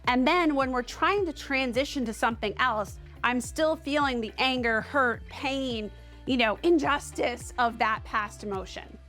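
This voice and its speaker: A woman with a Boston accent talks straight to the camera as host, chatty and emphatic. Her voice sits a little high. Faint music plays behind her. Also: measured pace, a bit bright. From Cape Cod, Massachusetts. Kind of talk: casual direct-to-camera talk.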